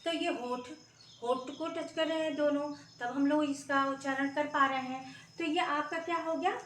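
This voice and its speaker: A woman's voice: sits high, fairly even intonation, normal speed, a bit bright, a little hiss or hum. A woman teacher giving a grammar lesson to children, patiently sounding out letters and often checking that everyone is following. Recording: roomy echo, mic far off.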